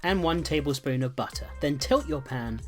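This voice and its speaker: A man hosting a cooking vlog, walking through a burger recipe in calm voice-over and then tasting it on camera with loud, joking enthusiasm. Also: medium pitch, moderate pace, soft background music. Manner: energetic and jokey, exclaims while tasting; calm, steady instruction in voice-over. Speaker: cooking show host.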